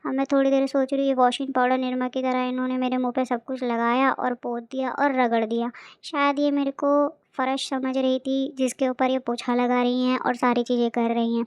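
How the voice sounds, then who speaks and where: Brief: young woman vlogger, mocking running commentary, high even voice, dry close sound. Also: brisk, clean tone, no echo, lo-fi sound. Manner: sarcastic, exasperated storytelling. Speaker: beauty vlogger. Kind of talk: comic voice-over commentary.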